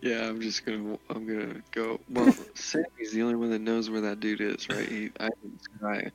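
A man's voice: lowish voice, moderate pace, creaky, slight background noise, low-quality recording. A man playing a tabletop game, chatting casually.

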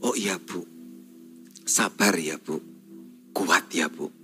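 A soft, overly tender pastor counselor murmurs in a low, near-whispered voice, as a preacher puts him on. The tone is slow and sugary and pitched well below his normal voice. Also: fairly even intonation, breathy edge, faint music behind, exaggerated voice. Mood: soothing. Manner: hushed, nearly whispered, slow and soothing.

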